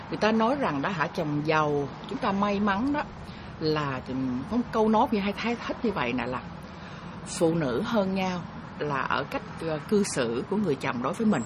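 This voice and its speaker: A woman's voice: lowish voice, noisy background. A woman hosting her own show, telling viewers a story in an earnest, chatty way and referring to herself by name. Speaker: host. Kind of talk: casual storytelling talk to viewers.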